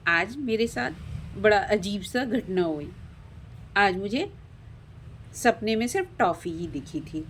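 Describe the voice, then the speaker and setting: A woman hosting and narrating a doll story vlog in a bright, friendly way. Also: mid-range voice, expressive, slow, pauses often, slight background noise. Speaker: host and storyteller.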